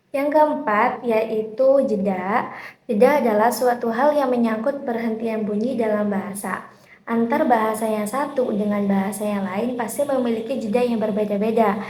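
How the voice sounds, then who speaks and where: A young woman from Indonesia, a university student, explaining a linguistics lesson in a steady way with occasional fillers. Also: fairly high pitch. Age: young adult. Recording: echoey room with faint background noise.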